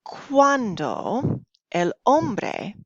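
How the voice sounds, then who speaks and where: Here a Spanish teacher speaks very slowly in a rather high, highly animated voice while reading lesson slides aloud, instructing and asking brief check-in questions. The audio is a roomy, dull lo-fi home recording.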